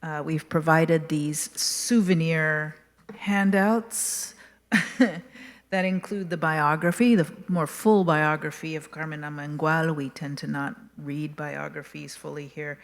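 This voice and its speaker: Low-pitched woman host giving a formal museum introduction, reverberant hall. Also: fairly even intonation, slow pace, creaky. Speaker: museum education director, host. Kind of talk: event introduction. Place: museum gallery.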